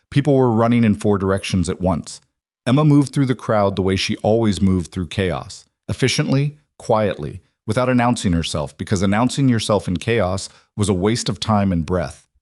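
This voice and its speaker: A man narrating a dramatic story in a measured, scripted reading. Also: lowish voice, a little mellow, dry recording, studio quality.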